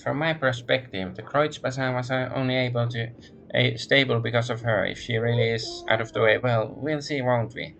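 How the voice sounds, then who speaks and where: A man's voice: medium pitch, fairly even intonation, moderate pace, creaky, a bit bright, a little hiss or hum, voice pushed up. A man voicing a nasal, heavy-smoking woman who talks in a curt, businesslike way over a game line. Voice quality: nasal, sing-song then businesslike.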